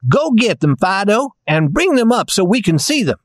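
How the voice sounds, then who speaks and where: A man's voice: sits high, big pitch swings, normal speed, no echo, voice pushed up. Storybook tin soldier, hearty and a bit bossy, in a raised, dry voice, played by a man. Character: kind, bossy male tin soldier toy.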